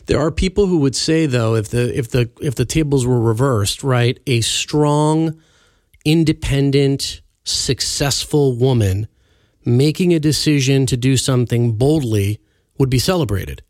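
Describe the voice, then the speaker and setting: A man co-hosting a podcast in casual debate, asking questions and steering the talk in a measured way. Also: mid-range voice, a little mellow, no room sound, clean studio sound. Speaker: podcast co-host.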